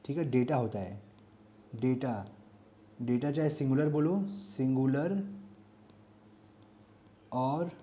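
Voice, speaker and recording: A man's voice: medium pitch, warm tone. A man with an Indian accent teaching English grammar for exam prep. He asks the class questions, answers them himself and repeats key words. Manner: reads English example sentences slowly and carefully.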